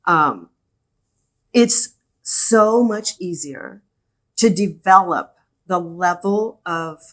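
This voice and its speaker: A woman's voice: fairly low pitch, very slow, fairly bright tone. A woman from El Paso, Texas, talking as a guest on a business podcast, enthusiastic and emphatic, often repeating her key words. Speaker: podcast guest, regional director. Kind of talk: conversational podcast interview.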